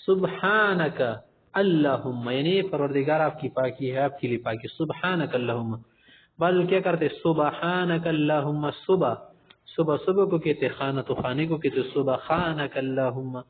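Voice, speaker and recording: A man's voice: fairly high pitch, a little hiss or hum. Male tajweed teacher, lesson style, stretches out sung examples, thin lo-fi line. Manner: demonstrates recitation slowly, drawn out and sung; addresses listeners as respected gentlemen, explanatory. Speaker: Quran recitation teacher. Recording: tinny phone-like recording.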